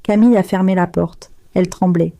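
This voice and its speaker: A woman narrates a first-person story in a dark, mellow voice, slow and subdued. The sound is dry and close, with no room around it. Her delivery stays measured throughout. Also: on the low side, steady tone, vocal fry, no echo.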